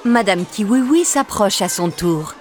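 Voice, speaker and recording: A woman reading a children's story aloud in a slow, expressive, sing-song way. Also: mid-range voice, some chatter behind.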